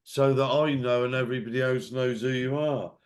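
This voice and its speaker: A man's voice: medium pitch, fairly even intonation, a little fast. Man, British accent, friendly, informal, hosting a call. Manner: friendly, informal, hesitant restarts. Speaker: group call host. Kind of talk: casual group call chat.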